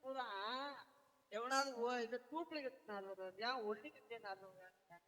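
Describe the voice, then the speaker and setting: A man's voice: very high-pitched, animated, unhurried, fairly bright tone, big-room sound. A man in a stage comedy sketch, wailing in mock mourning.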